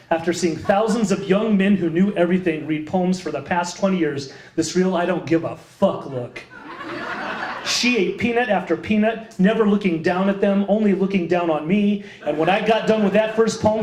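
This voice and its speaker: Middle-aged male poet hosting a reading, high-pitched, wry and profane, recorded in an echoey room. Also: moderate pace, darkish tone. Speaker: poet and host of a memorial reading. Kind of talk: performed personal essay at a poetry reading. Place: small gallery room with a live audience.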